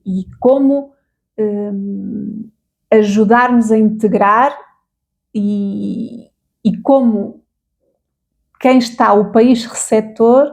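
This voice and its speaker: A woman's voice: mid-range voice, a little mellow. A woman from Portugal with a European Portuguese accent, co-hosting a casual therapy talk and explaining with frequent tag questions. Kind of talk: casual conversation.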